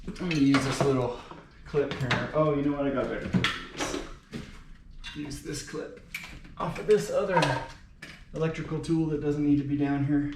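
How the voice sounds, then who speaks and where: Fairly high-pitched and steady, a man talks at a moderate pace with frequent pauses as he fixes a car. It's a casual, unscripted vlog where he's folksy, partly muttering and partly addressing the camera. Expect echo, noise, clicks and an inconsistent mic distance.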